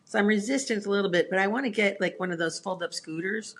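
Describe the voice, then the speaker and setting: A woman in a casual chat, telling stories in an animated way and laughing at herself. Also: mid-range voice, fast talker. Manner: animated storyteller, acts out quotes, laughs at herself.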